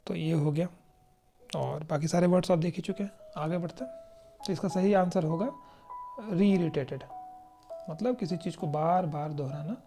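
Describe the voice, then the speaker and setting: A teacher from India gives an exam-prep vocabulary lesson. They explain each word patiently, read definitions aloud slowly and keep checking in with the class. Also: mid-range voice, mellow, faint music behind. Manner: explanatory, checks in often with "right?".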